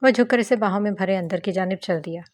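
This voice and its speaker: A woman's voice: medium pitch, quick pace. Woman reading a romance novel aloud. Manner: steady storytelling narration. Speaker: narrator.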